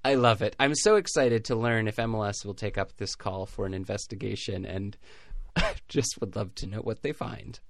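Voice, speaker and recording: A man's voice: fairly low pitch, moderate pace, vocal fry. A man hosting a casual sports podcast in a dry, close sound with no room echo. He talks in a sarcastic, joking way and often breaks into laughter mid-sentence. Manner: sarcastic, laughs through his jokes. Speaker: podcast co-host.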